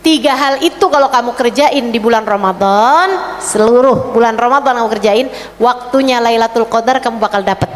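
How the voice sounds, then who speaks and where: High-voiced woman preaching in a reverberant hall. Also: normal speed. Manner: playful, acts out congregants and gulping sounds; switches between warm advice and Arabic recitation. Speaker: Islamic preacher. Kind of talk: lively Ramadan sermon. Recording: long hall reverb, faint background noise.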